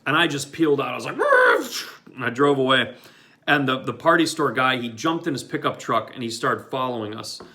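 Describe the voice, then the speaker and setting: A man from Michigan recounts an old memory in a loose, conversational way, full of fillers and restarts. His voice sits at an ordinary pitch with a bright, forward edge. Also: brisk. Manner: rambling, many fillers and restarts, with acted-out quotes. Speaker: storyteller. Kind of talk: casual personal storytelling.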